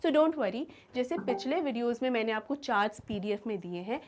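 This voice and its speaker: A woman's voice: on the high side, brisk, a little hiss or hum. A woman teacher giving a grammar lesson, asking her students questions and answering them herself.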